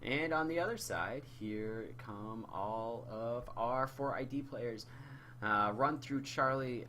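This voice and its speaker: A man commentates a live online shooter match in a loose, rambling way. His voice is going hoarse from hours of talking. It sits a little low, with a bright, forceful edge and a faint hum of ambience behind it. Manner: casual, rambling, with fillers. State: losing his voice. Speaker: game commentator.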